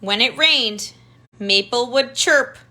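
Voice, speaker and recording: A woman tutor with a slightly high, bright, forceful voice takes a slow pace through a picture book for children. Simple asides, questions and remarks help her point things out as she reads.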